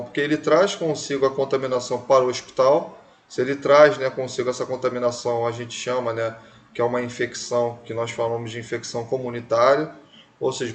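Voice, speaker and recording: A male teacher, chatty and emphatic. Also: mid-range voice. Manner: conversational, emphatic, fills with "né" and "tá". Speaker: nursing teacher. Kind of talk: recorded classroom lecture.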